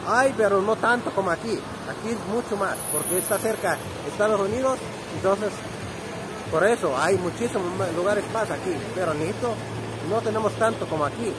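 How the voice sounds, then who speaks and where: The speaker, an Egyptian vlogger in his thirties with an Egyptian Arabic accent, speaks briskly in a high voice. He rambles in non-native Spanish, restarting often, while filming himself on a phone at arm's length in an outdoor street market. Loud crowd chatter, traffic and music fill the background.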